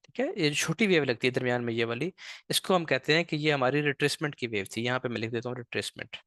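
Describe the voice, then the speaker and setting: A man leads a live online trading class in a mid-pitched voice. He is patient and slow on purpose, and keeps checking in with his listeners. The sound is dry and close. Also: a bit bright, no echo. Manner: patient, repeats "ठीक है" often; speaks slowly on purpose. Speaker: trading teacher.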